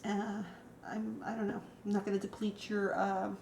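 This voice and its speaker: A woman's voice: mid-range voice, monotone, moderate pace, gravelly, darkish tone, a little hiss or hum. A woman vlogging casually, rambling and emotional with lots of fillers. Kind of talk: casual vlog. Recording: echoey room.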